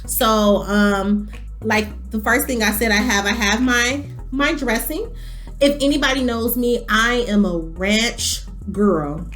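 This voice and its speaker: A woman in her thirties chatting casually to camera as a vlogger, animated and full of ums. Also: a little high, slow, soft background music. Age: 30s.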